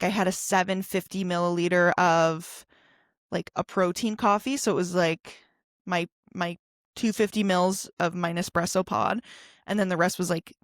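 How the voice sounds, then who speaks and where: A woman's voice: lowish voice, dry recording, clean studio sound. A young adult woman co-hosting a podcast, talking casually with lots of fillers and laughs. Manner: chatty, full of fillers and laughs. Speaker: podcast co-host. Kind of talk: casual chat.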